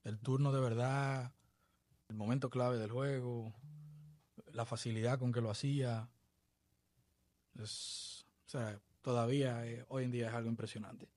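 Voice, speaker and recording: Reflective Dominican baseball coach, dry sound. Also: male voice, medium pitch, steady tone, unhurried, pauses often, a little mellow, no room sound. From Dominican Republic. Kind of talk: podcast interview.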